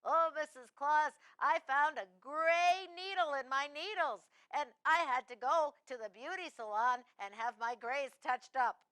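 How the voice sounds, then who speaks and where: A woman's voice: high voice, measured pace, hardly any pauses, bright, forceful tone, dry recording. A woman voicing a cheerful talking fir tree who tells corny jokes on a children's puppet show. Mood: eager. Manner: eager, giggly, corny jokester.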